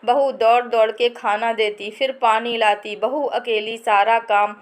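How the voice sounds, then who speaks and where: Slow-reading woman storyteller. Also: fairly high pitch, level tone. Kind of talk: scripted story narration.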